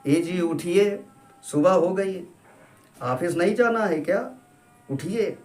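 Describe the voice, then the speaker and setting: A man voicing a sharp-tongued but loving middle-aged wife who scolds and teases, in a storybook reading. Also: high-pitched, animated. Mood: scolding. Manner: scolding, teasing, brisk.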